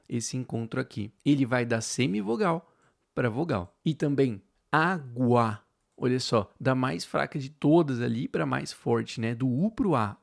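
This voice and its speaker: A man's voice: mid-range voice, vocal fry, a little mellow. A man with a Brazilian Portuguese accent teaching an online grammar lesson, explaining step by step and often checking in with tag questions. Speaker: exam-prep teacher.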